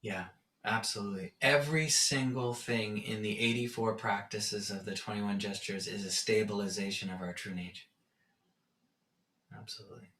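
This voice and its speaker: A meditation teacher with a lowish voice talks at a moderate pace in a relaxed spiritual lesson. He tells stories with energy and acts out his own reactions, recorded from far away in an echoey room.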